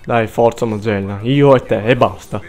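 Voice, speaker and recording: A young man commentating his gameplay, swearing often, muttering and then bursting into frantic shouts. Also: lowish voice, normal speed, faint music behind. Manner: swears a lot, frantic outbursts, mutters under breath. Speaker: gaming let's player.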